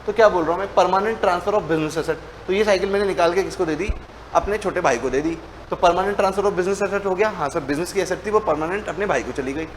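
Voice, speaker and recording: A man's voice: high-pitched, fast, a little hiss or hum, low-quality recording. A young man teaching a tax revision lecture. He explains in a chatty way and acts out both his own lines and his students' questions. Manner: playful teasing of students. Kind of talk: online exam revision lecture.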